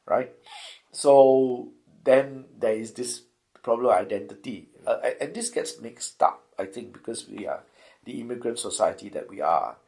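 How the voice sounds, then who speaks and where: A middle-aged man with a Singaporean accent speaks in an interview, his voice gravelly. He thinks aloud, restarting phrases and tagging points with "right?". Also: medium pitch, expressive, moderate pace, mellow. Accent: Singaporean English. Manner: thoughtful, many restarts and rhetorical "right?". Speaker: university lecturer, interviewee. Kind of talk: reflective interview answer.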